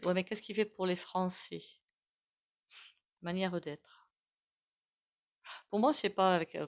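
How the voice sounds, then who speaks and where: A woman doing a casual tarot reading, chatty and full of asides to her viewers. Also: low voice. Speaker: tarot reader.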